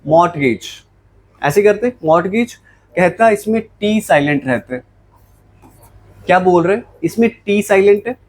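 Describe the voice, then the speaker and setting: High-voiced man teaching English vocabulary. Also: animated, moderate pace, rough recording. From Jammu, India. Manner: explains in Hindi mixed with English, asks and answers his own questions. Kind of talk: classroom lecture.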